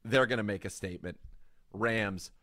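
A man's voice: fairly low pitch, moderate pace, fairly bright tone, dry recording, studio quality. A man co-hosting a casual sports chat who jokes and plays up his picks. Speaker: co-host picking games.

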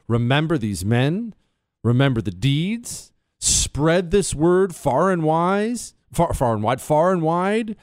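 A man's voice: medium pitch, darkish tone, dry recording, clean studio sound. An American man hosting talk radio in a casual, opinionated monologue, emphatic and repeating phrases for effect. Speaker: radio talk show host.

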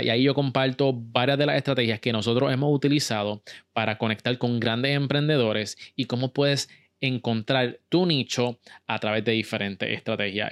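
A man's voice: mid-range voice, fairly bright tone, clear, resonant tone, dry recording, clean studio sound. Upbeat motivational podcast host, man. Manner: motivational, direct address to listeners. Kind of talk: energetic podcast monologue.

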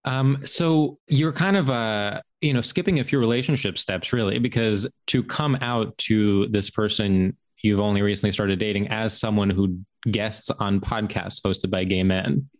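A man hosting a podcast in casual comic chat, halting and circling in a mock-earnest way. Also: on the low side. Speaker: podcast host.

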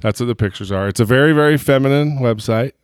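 A man's voice: medium pitch, fast, clean tone, no room sound. Man, podcast co-host, casual chat, joking, rambling, dry recording. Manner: joking, self-conscious, rambling.

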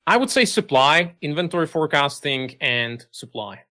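Bright-voiced man. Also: fairly high pitch, big pitch swings, moderate pace. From Czech Republic. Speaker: guest, business owner. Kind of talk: interview answers.

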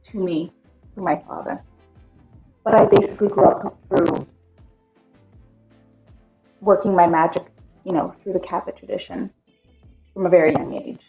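Woman, podcast guest, from Greece, raised in Massachusetts, warm low voice, muffled lo-fi sound. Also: gravelly. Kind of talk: casual chat. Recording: dull, muffled audio.

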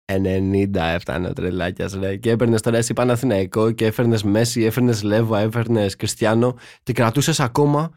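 A young man co-hosting a casual podcast chat, joking and animated, full of slang. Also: mid-range voice, hardly any pauses, no echo, studio quality. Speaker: podcast co-host.

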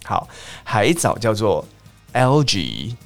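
A man with a Taiwanese Mandarin accent hosting a bilingual English lesson podcast, who repeats words and slows down to drill pronunciation. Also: mid-range voice, very animated, faint music behind. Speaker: English teacher and podcast host.

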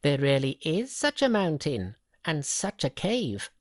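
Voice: medium pitch, very animated, a little slow, no room sound, clean studio sound, pitched above the performer's own voice. A storyteller voicing an eager, humble male monkey who has come to study immortality, earnest and polite.

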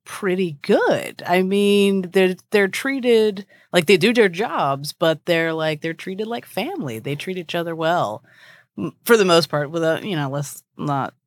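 Animated woman in a dry podcast chat. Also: fairly low pitch, unhurried, no echo. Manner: animated, reacting with enthusiasm. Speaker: podcast co-host. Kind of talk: casual chat.

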